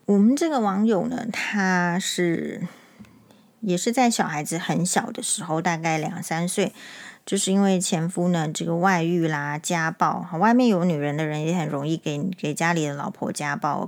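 A middle-aged woman eye doctor, telling stories on her podcast in a casual, animated, indignant way. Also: lowish voice. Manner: animated, indignant, emphatic when retelling. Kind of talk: casual storytelling monologue.

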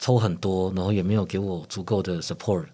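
Fast-talking Taiwanese man, low-pitched. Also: fairly even intonation, mellow, husky. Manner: talkative, peppers speech with English gamer terms. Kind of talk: casual chat.

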